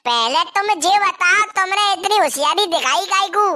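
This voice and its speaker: A voice artist playing a quick-tempered rustic village aunt in a cartoon, scolding shrilly. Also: very high-pitched, lively intonation, pushed and bright, exaggerated voice. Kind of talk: cartoon voice acting.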